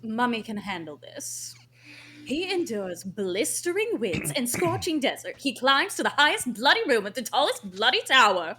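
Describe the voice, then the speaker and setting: A woman's voice: fairly high pitch, sing-song, moderate pace, slight background noise. A woman reading the part of an imperious, scheming fairy godmother at a live table read. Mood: scolding. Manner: imperious, sharp, scolding.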